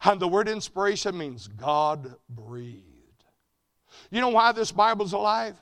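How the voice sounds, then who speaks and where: A male preacher delivers a sermon in a bright, forceful voice pitched a little high. He climbs to loud, emphatic peaks, then sinks back to a low, quiet delivery. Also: very animated, unhurried. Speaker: preacher at a mission conference.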